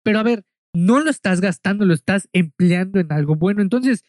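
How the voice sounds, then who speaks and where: A man's voice: high-pitched, animated, fairly quick, darkish tone, dry recording, clean studio sound. A man from Mexico with a Mexican accent, casually telling a story in a monologue, chatty and full of asides, speaking straight to the listener.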